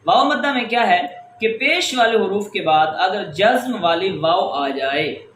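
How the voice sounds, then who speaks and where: A man's voice: high-pitched, a bit bright, a little hiss or hum. A man teaching tajweed, patiently explaining each rule step by step and stretching out example words. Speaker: Quran recitation teacher. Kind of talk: tajweed lesson. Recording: echoey room with faint ambience.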